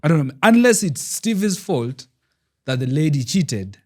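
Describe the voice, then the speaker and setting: A man's voice: on the high side, sing-song, measured pace. A man from Uganda co-hosting a casual podcast chat, emphatic and opinionated, often saying "man" and "yo.". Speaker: podcast co-host.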